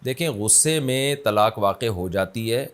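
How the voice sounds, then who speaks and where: A man's voice: fairly low pitch, expressive. A man, an Islamic scholar, answering a viewer's question in a conversational but emphatic religious lecture, explaining with everyday examples. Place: his office city.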